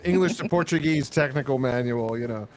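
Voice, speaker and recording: A man's voice: medium pitch, brisk, darkish tone, a little hiss or hum, poor audio. A man on a livestream panel tossing in dry, joking asides. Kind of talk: casual panel chat.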